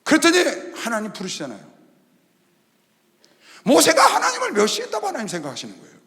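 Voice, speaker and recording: A man preaching a Sunday sermon as pastor, animated, voicing God and Moses in lower tones. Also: fairly quick, creaky. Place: large indoor arena hall. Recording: long reverb of a large arena hall.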